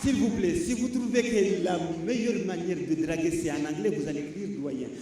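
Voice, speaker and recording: A man's voice: sits high, a little fast. A man doing punchy stand-up comedy on a live stage, telling stories animatedly and repeating phrases for emphasis. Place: live stage before an audience. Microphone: stage microphone. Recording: echoey hall, distant mic, audience noise.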